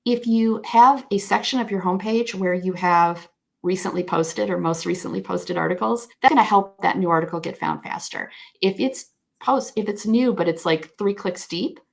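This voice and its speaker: Her creaky, mid-range voice moves at a moderate pace as she explains search crawling as a guest expert on a video call. The woman talks conversationally, frankly and thoughtfully, frequently catching and fixing her own wording.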